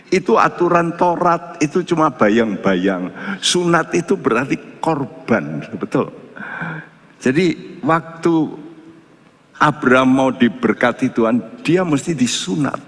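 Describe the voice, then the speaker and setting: A man's voice: a little high, measured pace. Man preaching, lots of rhetorical questions, big echoey church sound. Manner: animated, rhetorical questions, swings between loud and hushed. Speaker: pastor. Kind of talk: sermon.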